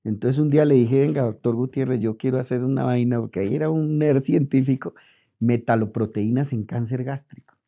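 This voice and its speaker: A middle-aged Colombian physician in a relaxed interview tells lively anecdotes, acting out quoted dialogue in a Colombian Spanish accent. His voice is medium-pitched and brisk. The audio is dull and lo-fi.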